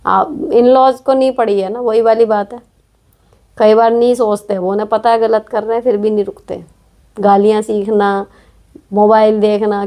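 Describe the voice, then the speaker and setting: A woman's voice: medium pitch, dark tone. Frank, conversational woman host giving practical advice to viewers. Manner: direct, frank, chatty, with frequent tag questions. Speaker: host answering viewer questions. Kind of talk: casual advice talk.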